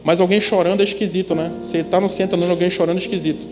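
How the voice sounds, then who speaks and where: A man's voice: high-pitched, fairly even intonation, racing, long reverb tail. A man preaching a testimony sermon, telling a story and asking the congregation frequent rhetorical questions. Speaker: pastor. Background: background instrumental music.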